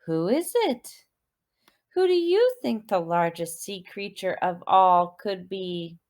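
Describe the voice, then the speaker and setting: Reading a movement story for children, this medium-pitched female teacher speaks expressively and deliberately. She draws listeners in with questions and repeated words.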